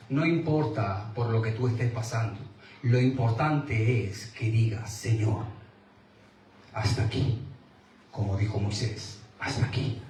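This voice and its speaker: A man preaching a sermon as pastor, earnest, dropping to a hush when he quotes God. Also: medium pitch, slight background noise. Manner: earnest, quoting God in a hushed voice. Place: church hall. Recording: roomy echo, mic from a distance.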